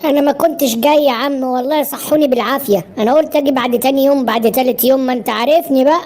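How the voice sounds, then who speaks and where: A woman's voice: high voice, rapid-fire, darkish tone. A woman voicing a lazy, cheeky schoolboy in a cartoon, whining in an Egyptian Arabic accent. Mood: whiny. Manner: whiny, cheeky. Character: lazy cheeky schoolboy who hates mornings. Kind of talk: cartoon voice acting.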